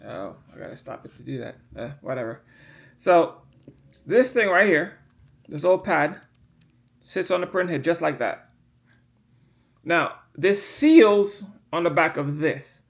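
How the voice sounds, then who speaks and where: Man, gravelly voice, slightly high, rambling hands-on demo, repeats himself. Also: expressive, a little slow, long pauses. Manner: rambling, repeats himself, restarts often, emphatic on key points. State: yawning from medication. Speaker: hobbyist explaining printer repair. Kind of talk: casual hands-on demonstration.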